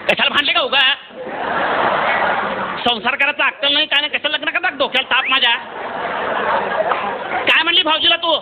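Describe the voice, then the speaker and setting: A man voicing a loud young man from Solapur shouting on the phone to his sister, with a Solapuri Marathi accent and a ringing voice. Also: very high-pitched, a little fast, long pauses, over a noisy crowd, heavy background noise, voice pushed up. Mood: scolding, soothing.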